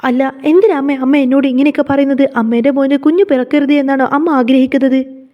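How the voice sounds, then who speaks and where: A woman voicing a gentle, hurt young wife who pleads, in a fast retelling of a TV serial. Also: high-pitched, fairly even intonation, dull audio, lightly acted. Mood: pleading. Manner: pleading, tearful.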